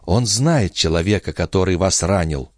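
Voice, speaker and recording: A man voicing a gentle, coaxing young noblewoman caring for her brother. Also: sits low, normal speed, no room sound, studio quality, lightly acted.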